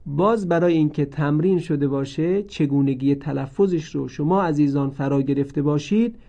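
A man's voice: on the high side, gravelly, dark tone, lo-fi sound. A man teaching the rules of Quran recitation in a recorded lesson, explaining each rule step by step and repeating every example so listeners can practise.

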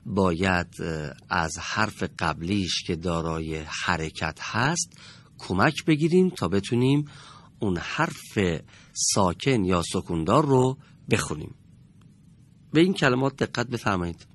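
A low-voiced man teaches a reading class in a studio. His pitch rises and falls freely. He explains patiently and slowly spells out each example word. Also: lively intonation. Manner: patient, deliberate explaining with drawn-out example words. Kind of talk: televised classroom lesson. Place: broadcast studio.

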